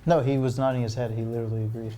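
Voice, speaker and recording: A man's voice: mid-range voice, fairly even intonation, racing, mellow. A man guesting on a panel chat, teasing and insistent as he argues his point. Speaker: guest player. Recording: noisy with clicks.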